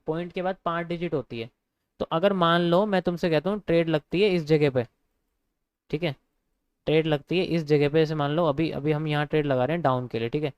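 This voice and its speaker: A man's voice: a little high, clear, resonant tone, no room sound. A young man giving a casual live lesson on trading, repeating his points and calling viewers bro. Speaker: trading teacher.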